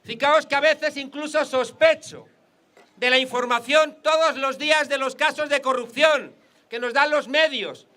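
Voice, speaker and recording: A man with a Spain Spanish accent addresses a crowd at an outdoor political rally. His voice sits very high and rings tense and bright. He builds his points through jokes and hammering repetition. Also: a little slow. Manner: rhetorical, joke-telling, repeats for emphasis.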